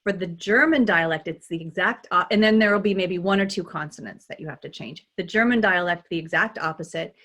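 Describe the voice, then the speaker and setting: A woman, a dialect coach, talking in a relaxed interview, animated and laughing often, with many restarts. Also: lowish voice, a little fast, few pauses. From United States. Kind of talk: conversational interview.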